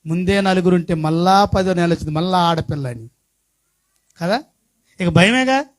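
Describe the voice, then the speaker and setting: A middle-aged male pastor preaching a sermon. He asks the congregation questions and moves between quiet talk and shouted preaching. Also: sits high, animated, moderate pace.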